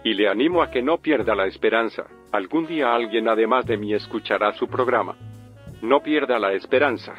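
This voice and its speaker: A clangy, metallic robot voice gives this hopeless caller in his sixties a flat, bitter deadpan. A man is behind it, and it comes through a dull, lo-fi phone line at an ordinary middle pitch. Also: brisk, faint music behind. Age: 60s. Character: gloomy hopeless older male radio caller.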